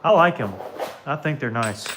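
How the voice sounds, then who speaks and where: A man's voice: medium pitch, expressive, moderate pace, noisy background. A man with a Southern American accent, hosting a casual live stream and talking to viewers by name while he works. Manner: chatty, talks to viewers by name while working. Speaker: livestream host. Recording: clicks and knocking of stone work.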